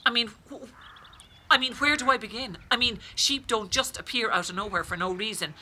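A woman's voice: fairly high pitch, a little fast, bright, forceful tone, slight background noise. An actress playing a stubborn, fretful older Irish farm mother who scolds and frets, in a radio comedy. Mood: indignant. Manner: indignant, scolding.

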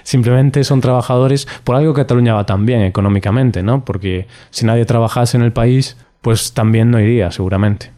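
Podcast guy, mellow warm voice, jokes and laughs a lot, easygoing chat. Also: medium pitch, a little fast, hardly any pauses. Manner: joking, laughs often. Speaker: podcast co-host.

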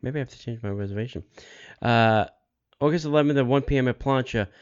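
A man with a smooth, clear voice hosts a podcast, running through announcements casually. His delivery halts and circles back to repeat details. The sound is a bit dull. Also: medium pitch, fast talker. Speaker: podcast host.

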